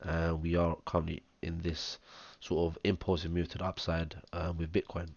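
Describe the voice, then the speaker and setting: Hoarse low-voiced man talking through charts. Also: completely flat delivery, moderate pace, a little mellow, dry recording, dull audio. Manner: talks step by step through wave counts, many ums. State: hoarse, chesty cough. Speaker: trading analyst. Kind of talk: screen-share chart analysis. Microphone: close mic, audible breathing.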